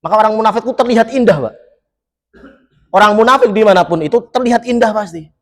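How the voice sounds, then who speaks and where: A man's voice: sits high, quick pace. A man preaching in a mosque, quizzing his listeners and joking, reciting Arabic phrases and then explaining them. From Solo, Central Java. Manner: lively, jokes and quizzes the congregation. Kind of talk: mosque sermon.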